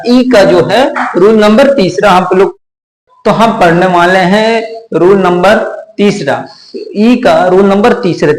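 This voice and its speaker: A man teaching English pronunciation, spelling words out letter by letter and answering his own rhetorical questions. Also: sits high. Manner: slow, repetitive explaining. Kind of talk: classroom-style lesson. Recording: echoey room.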